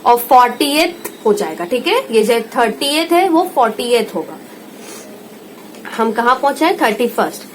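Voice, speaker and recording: High-voiced Indian woman tutoring slowly. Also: big pitch swings, slight background noise, poor audio. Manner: slow patient repetition, checks in with "theek hai". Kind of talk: home tuition lesson.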